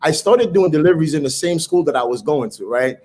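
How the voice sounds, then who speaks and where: Brisk and lively in intonation, this man's somewhat high, darkish voice belongs to a middle-aged Haitian startup founder. Interviewed conversationally, he shares his story earnestly and motivationally, sometimes repeating words.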